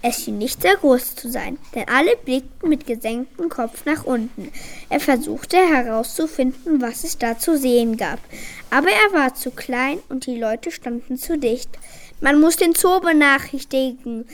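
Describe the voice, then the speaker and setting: A woman reading a children's book aloud in a clear, even storytelling manner. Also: high voice, normal speed. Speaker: reader.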